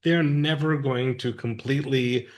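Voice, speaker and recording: A man's voice: mid-range voice, steady tone, unhurried, darkish tone. A man co-hosting a podcast, explaining politics in a casual, thoughtful, plain-spoken way. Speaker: podcast co-host. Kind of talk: casual discussion.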